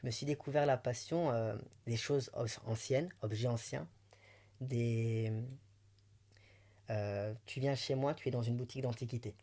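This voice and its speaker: A Belgian man with a mild Belgian French accent, mid-pitched, sharing his personal story in an interview. He talks sincerely and emotionally and laughs easily, rambling warmly from one thought to the next. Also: a little slow. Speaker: interview guest.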